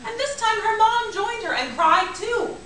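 A woman storyteller telling a folktale to children, animated and laughing along. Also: very high-pitched, unhurried. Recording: echoey room, distant mic, faint noise.

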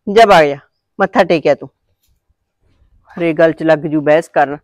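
A woman's voice: low-pitched, moderate pace, darkish tone, no room sound, close to an everyday voice. An actress with a Punjabi accent playing a sarcastic, scolding middle-aged mother-in-law in a village family drama.

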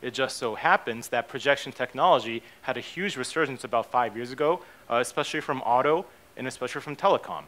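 Speaking quickly with few pauses, this keynote speaker has a medium-pitched, fairly bright voice. He's a company CEO, born in Japan and raised in the US, giving a casual conference presentation on a hotel hall stage, peppered with fillers and "okay?" and "right?"

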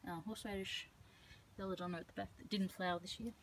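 A woman's voice: medium pitch, fairly even intonation, fast talker, a little hiss or hum, rough recording. A woman, a herbalist giving a casual tour of her outdoor garden, talking into a handheld phone in a rambling way with frequent ums.

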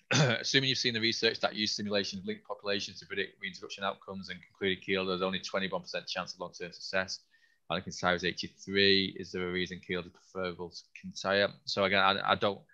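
A scientist hosting an online Q&A, answering questions haltingly with many restarts while losing his voice a little. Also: low voice, flat delivery, bright, forceful tone, dull audio. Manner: halting, with frequent restarts and fillers. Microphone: video call.

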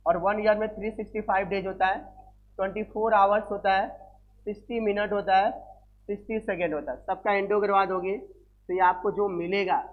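A man's voice: high voice, fairly even intonation, normal speed. A man teaches a physics lesson, mixing English terms into his explanation. He keeps asking his students questions and repeats each value twice. The sound is thin and phone-like, as if recorded on a cheap mic. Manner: addresses students as beta, repeats key values and asks quiz questions. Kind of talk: classroom lecture.

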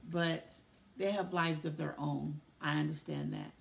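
A middle-aged woman talking in a casual video diary, weary and emotional, speaking haltingly with many pauses. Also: low-pitched, steady tone, vocal fry. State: tired and tearful. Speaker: vlogger.

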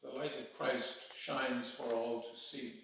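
Halting older man in echoey church. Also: mid-range voice, steady tone, gravelly, fairly bright tone, recorded from a distance, a little hiss or hum. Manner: halting, many fillers and restarts. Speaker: worship leader. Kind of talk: church service announcements and liturgy. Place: church sanctuary, indoors. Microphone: stand mic at lectern, far camera.

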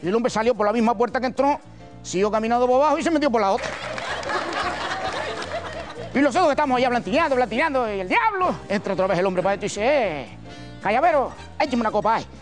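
Older man, Canarian accent, comic storyteller, high voice, lively swooping pitch. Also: quick pace, long pauses, music in the background, a crowd in the background. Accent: Canarian Spanish. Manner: folksy, colloquial, animated. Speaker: humorist. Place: TV gala stage.

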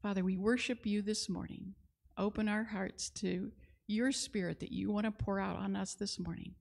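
Older woman praying, slightly gravelly voice. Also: medium pitch, fairly even intonation. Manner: earnest, measured praying. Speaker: prayer leader at church service. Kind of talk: spoken congregational prayer. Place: church platform, large indoor hall. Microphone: handheld microphone.

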